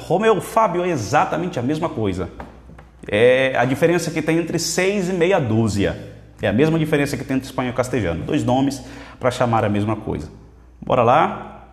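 Energetic Brazilian man teaching, echoey room. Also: medium pitch. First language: Portuguese. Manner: reads viewer questions aloud, repeats phrases, energetic. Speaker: Spanish teacher. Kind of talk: live Q&A lesson. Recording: echoey room with long reverb.

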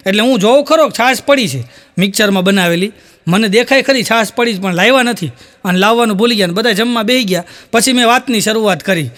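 A man performs stand-up, his high-pitched, fairly bright voice moving fast as he tells jokes in a Kathiyawadi Gujarati accent. He spins them into stories piled with "he said" tags.

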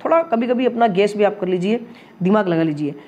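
High-voiced teacher, coaxing. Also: male voice, brisk. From India. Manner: lively and coaxing, quizzes viewers with questions. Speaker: Hindi exam coaching teacher. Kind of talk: solving test questions for viewers.

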